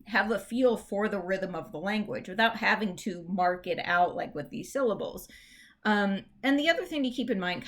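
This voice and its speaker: A woman teacher giving a classroom lecture, explaining step by step in a chatty way with lots of fillers. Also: mid-range voice.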